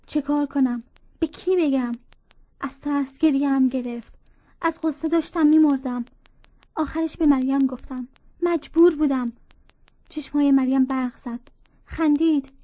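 High-voiced woman narrating a story. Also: mellow, no echo. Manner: measured storytelling with dialogue read in. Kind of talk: audiobook narration.

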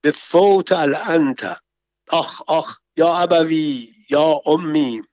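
A man voicing a squeamish, quick-tempered Persian man who speaks slow, halting broken Arabic in a read-aloud story. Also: a little high, a little mellow, dry recording, muffled recording, natural voice. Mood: whining.

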